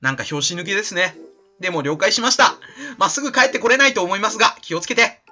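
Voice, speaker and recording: A man doing a tiny electric game creature with a high, squeaky, fussy voice that keeps scolding. The pitch jumps high and lively, and the sound is a little dull and lo-fi. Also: fast, soft background music, exaggerated voice. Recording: slightly dull lo-fi recording.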